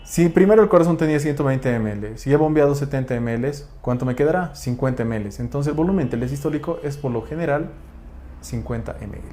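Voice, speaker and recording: A man's voice: medium pitch, fairly quick, dark tone, slight background noise. A man lecturing on physiology, asking rhetorical questions and checking in with tag questions. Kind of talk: explanatory lecture.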